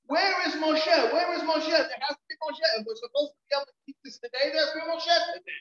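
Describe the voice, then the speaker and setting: A man's voice: very high voice, fast, a bit bright, pitched above the performer's own voice. A man voicing a distraught wife who screams and pleads to God for guidance. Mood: pleading, screaming. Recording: echoey, dull event hall sound.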